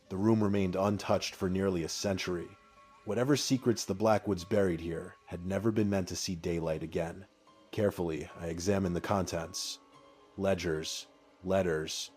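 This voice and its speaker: Male horror narrator, low register, solemn and deliberate, music underneath. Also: steady tone, a little mellow. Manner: measured, solemn, short phrases with deliberate pauses. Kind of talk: scripted horror story narration in the first person.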